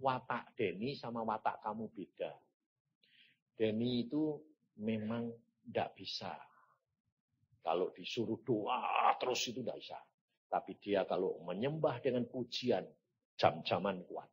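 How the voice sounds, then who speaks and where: God speaking to the preacher in a low, soft, fatherly tone, as an older male preacher puts him on. The husky voice sits quietly under the sermon's usual level, patient and explaining rather than commanding. It comes through a dull, lo-fi sermon recording. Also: lively intonation, measured pace, pauses often, full character voice. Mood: gentle, correcting.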